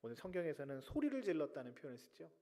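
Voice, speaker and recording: Male pastor, slightly high voice, dramatic sermon delivery, long church-hall reverb. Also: very animated, rapid-fire. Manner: dramatic, swings between loud cries and hushed whispers. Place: large church sanctuary.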